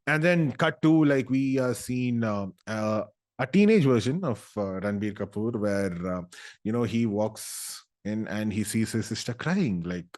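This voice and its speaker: A young man, ranting about a movie in casual, comedic, sarcastic style, breaking into loud animated bursts. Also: fairly low pitch, unhurried. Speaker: YouTuber.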